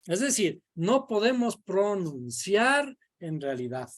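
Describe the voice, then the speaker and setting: Slow, deliberate woman teaching a class. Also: mid-range voice, big pitch swings. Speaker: Bible study teacher. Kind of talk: classroom lecture. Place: classroom, indoors.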